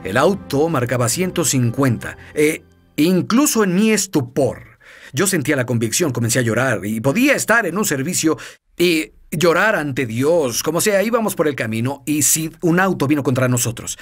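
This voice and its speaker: Guy preaching his own story on a tv interview, lively, chuckles, faint music behind. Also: a little high. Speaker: guest minister. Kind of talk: personal testimony in a TV interview.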